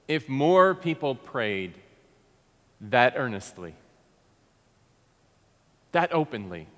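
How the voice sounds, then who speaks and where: An American man in his thirties, a pastor, preaches a sermon in a spacious church sanctuary with a medium-pitched, somewhat bright voice. He speaks earnestly in a conversational way, restarting often. A long reverb hangs over the sound, which comes from a pulpit mic heard through a distant camera.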